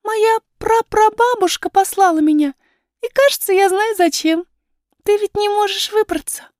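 Woman doing a high eager little princess. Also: normal speed, dry recording, clean studio sound. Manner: bright, insistent, high-pitched. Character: young princess girl, eager and determined.

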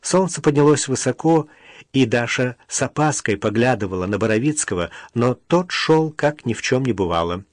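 A man narrating an audiobook in a steady, even storytelling manner. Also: mid-range voice, moderate pace, dry recording, studio quality.

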